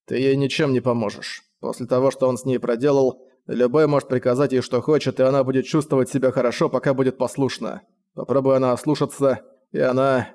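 A man's voice: medium pitch, fast talker, close to an everyday voice. A man voicing a sullen, bitter young man who speaks curtly and without expression in an audiobook. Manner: flat, expressionless, curt.

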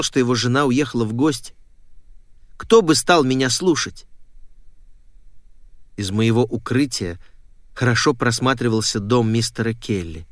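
A man narrating a first-person story as an audiobook, often hushed and lowered. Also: dry recording, studio quality.

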